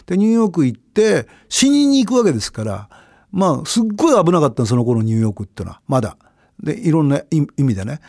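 A middle-aged man hosting a radio show, telling his own stories in a casual, animated way that swings between loud bursts and low mumbles. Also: quick pace, dry recording, studio quality. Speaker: radio host. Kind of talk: casual storytelling monologue.

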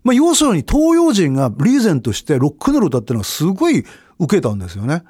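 A middle-aged man hosting a radio show, telling his own stories in a casual, animated way that swings between loud bursts and low mumbles. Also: fast talker, breathy edge, dry recording, studio quality. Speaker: radio host. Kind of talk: casual storytelling monologue.

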